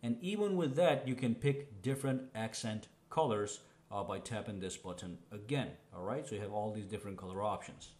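A man's voice: a little fast, a little mellow. A man giving a casual step-by-step walkthrough of phone settings, chatty and explanatory, checking in with the viewer as he goes. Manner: chatty, explains step by step, often says "okay?" and "boom". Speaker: tech reviewer.

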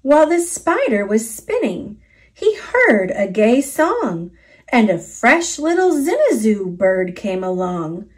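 A woman with an American accent narrating a rhyming children's story aloud, expressively and with deliberate enunciation. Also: on the high side, very animated.

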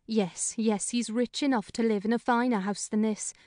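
In a studio-quality storybook reading with no room sound, a man uses a natural but raised, high-pitched, darkish voice with a steady tone to play a talkative middle-aged female housekeeper. The audiobook character comes across chatty, brisk, frank and plain-spoken.

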